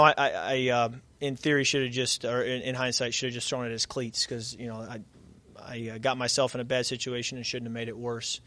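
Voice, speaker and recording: Tired quarterback at a post-game presser. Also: male voice, mid-range voice, a bit bright, no echo. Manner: measured, many fillers and restarts. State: tired, catching his breath.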